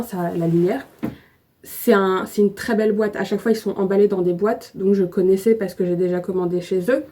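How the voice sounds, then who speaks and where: A woman chatting casually as she unboxes items at home on her bed, gushing and excitable, with plenty of fillers. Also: medium pitch. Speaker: vlogger.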